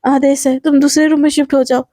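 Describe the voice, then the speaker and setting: A woman voicing a curt, bossy household maid who delivers orders, in a high voice. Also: little pitch movement, quick pace, warm tone, dry recording, clean studio sound, natural voice.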